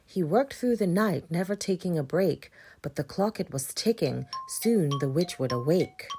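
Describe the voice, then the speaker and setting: A woman reading a rhyming children's book aloud with an expressive, rhythmic delivery. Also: lowish voice, normal speed, music in the background. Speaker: storybook reader. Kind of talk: children's read-aloud narration.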